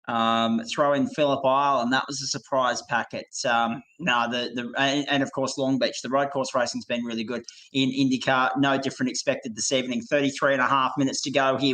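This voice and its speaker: A man's voice: mid-range voice, fairly bright tone, low-quality recording. A man calling a sim race live, enthusiastic and florid, handing over to his co-commentators.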